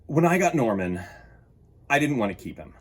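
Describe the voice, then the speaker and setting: A man hosting story time, reading a children's picture book aloud in an expressive, emphatic way and talking directly to young listeners. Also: medium pitch, moderate pace, slightly rough.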